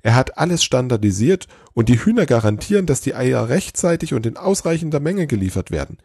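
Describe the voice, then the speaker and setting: A man doing a breathless, excited head elf. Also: lowish voice, husky, dry recording, studio quality, voice pushed up. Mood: gushing. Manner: rushed, gushing, talks without pausing. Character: excited, breathless male head elf, eager know-it-all.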